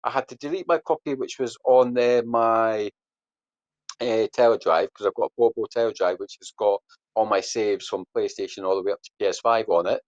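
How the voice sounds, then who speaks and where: A man's voice: fairly low pitch, fairly quick. Rambling man telling a story. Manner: rambling, with many fillers and restarts. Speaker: podcast guest. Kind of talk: casual storytelling and quiz hosting. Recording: dull lo-fi audio.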